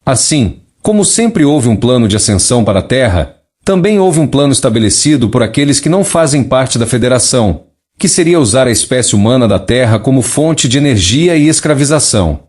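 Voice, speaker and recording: A synthetic text-to-speech man's voice narrating a formal scripted proclamation in a measured way. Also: mid-range voice, animated, darkish tone. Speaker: narrator reading a channeled message.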